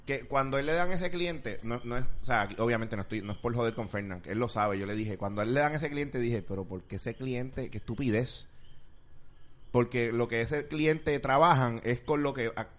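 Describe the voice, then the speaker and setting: Man, casual talk, animated, mid pitch. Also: normal speed. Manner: animated, acts out callers' voices. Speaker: call center worker. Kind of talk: casual podcast chat.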